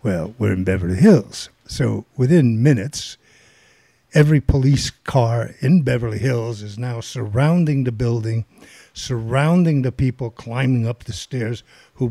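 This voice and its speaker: Gravelly older man telling a rambling story. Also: mid-range voice, measured pace, mellow, no room sound, studio quality. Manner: rambling, filler-heavy storytelling. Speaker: guest storyteller. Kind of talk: casual anecdote.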